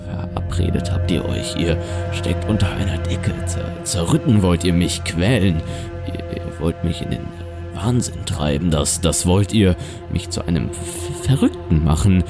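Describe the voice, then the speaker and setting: A man's voice: low-pitched, animated, unhurried, creaky, full character voice. A man playing a stammering, panicky old grandpa. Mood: bitter. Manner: stammering, repeating words. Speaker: nursing home resident. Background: music.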